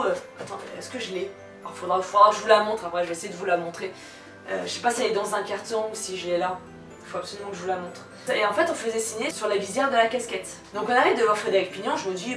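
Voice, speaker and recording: Young woman storytelling in an echoey room, slightly cracking voice. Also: mid-range voice. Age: young adult. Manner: animated, giggly, blunt slangy delivery. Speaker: video creator telling personal anecdotes. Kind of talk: casual storytelling vlog. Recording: echoey room, distant microphone. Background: faint music.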